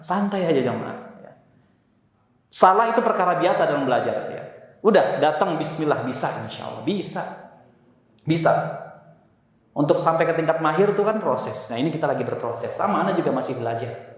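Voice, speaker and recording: A man's voice: a little high, fairly quick, pauses often. Man teaching Quran recitation in an echoey hall. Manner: relaxed, joking, encouraging. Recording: echoey hall with long reverb.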